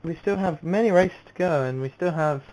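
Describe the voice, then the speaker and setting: A young man commentating on an amateur racing league, excitable and rambling, with many fillers and restarts. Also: a little high, fairly quick, poor audio. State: out of breath. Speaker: race commentator.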